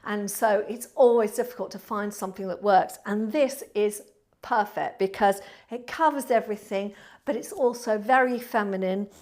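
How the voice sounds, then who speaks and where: A woman with a southern English accent chatting casually to viewers as a Pilates instructor, in a warm, friendly, chatty manner. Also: medium pitch, normal speed. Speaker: Pilates instructor and online class host. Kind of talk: casual livestream chat to viewers. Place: indoor studio.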